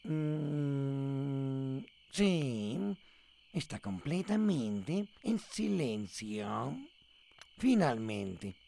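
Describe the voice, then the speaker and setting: A woman voicing an excitable, easily annoyed cartoon duck who grumbles and exclaims. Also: medium pitch, a little slow, creaky, slight background noise. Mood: relieved. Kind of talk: cartoon voice acting.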